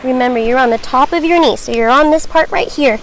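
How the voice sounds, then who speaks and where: Female yoga teacher, high voice, guiding a class with reassuring, measured instruction over light background noise. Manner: encouraging, reassuring, measured cueing.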